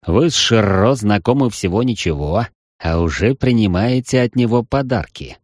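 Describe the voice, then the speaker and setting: A cold, imperious man with a very low voice presses his questions slowly and curtly, voiced by a woman narrating a story. He sounds suspicious and commanding, each word clipped. The sound is dry and close. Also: expressive, darkish tone, no echo. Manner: slow, clipped, interrogating. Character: stern, imperious male gem tycoon, cold and suspicious.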